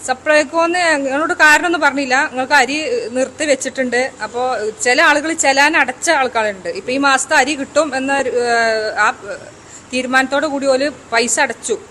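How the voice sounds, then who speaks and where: A woman's voice: sits high, a little fast, pushed and bright, a little hiss or hum, poor audio. A woman, a community hotel worker answering an interviewer plainly and earnestly, with hesitations.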